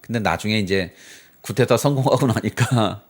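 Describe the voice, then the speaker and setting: A pastor with a fairly low voice speaks at a normal speed during a Sunday sermon in the church sanctuary. He tells the story dramatically and puts rhetorical questions to the congregation.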